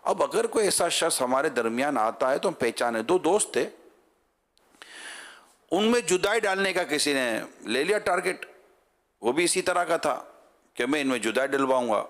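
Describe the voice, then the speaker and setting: A male preacher in full sermon mode, his voice sitting a little higher than most men's. He talks lively and rhetorically, throwing questions at the crowd. He often breaks into loud chanted slogans for the audience to repeat. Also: pauses often. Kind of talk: religious sermon to a gathering.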